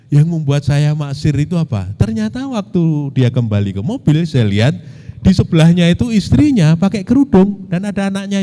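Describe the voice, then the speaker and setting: Middle-aged male preacher, lively storytelling delivery, warm voice, reverberant hall. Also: a little high. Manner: animated anecdotes, addresses audience as Pak and Bu. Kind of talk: storytelling sermon.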